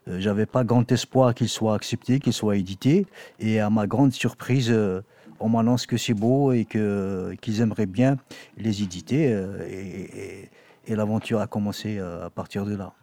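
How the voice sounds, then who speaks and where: A journalist and poet from Kabylie, Algeria, whose first language is Kabyle or Arabic rather than French, answers interview questions and reads a poem. His lowish voice is warm and steady at a normal pace, though he hesitates often with fillers and restarts. The recording is dry.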